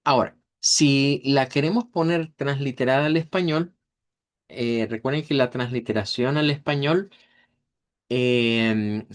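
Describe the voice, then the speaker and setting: Slow, patient male language teacher. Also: mid-range voice. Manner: slow, patient, repeats example words several times. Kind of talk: online class lesson.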